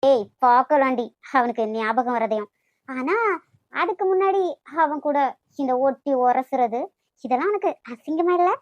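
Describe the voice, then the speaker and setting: A woman's voice: high-pitched, normal speed, dry recording, highs cut off, natural voice. A woman with a Kanyakumari Tamil accent voicing a jealous young wife in a cartoon, taunting and scornful. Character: jealous scolding young wife, sharp-tongued. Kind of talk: cartoon voice acting.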